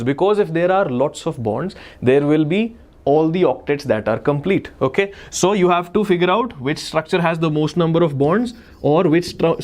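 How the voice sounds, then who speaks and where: Male online tutor, North Indian accent, slightly high pitch, explains step by step with emphatic repetition. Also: a little mellow. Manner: emphatic, repeats key phrases and questions; switches between English and Hindi. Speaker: chemistry teacher. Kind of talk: live online exam lesson, explaining step by step.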